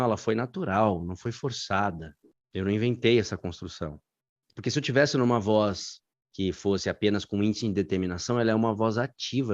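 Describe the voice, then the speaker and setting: A man with a Brazilian Portuguese accent teaching grammar in a live online class, slangy and lively, calling on students by name. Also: on the low side, lo-fi sound.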